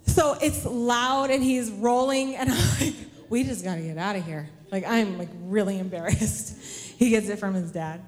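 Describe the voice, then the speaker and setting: A woman in her thirties preaching a storytelling sermon, animated and acting out scenes with shrieks and laughs. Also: mid-range voice, normal speed. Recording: long reverb of a large hall.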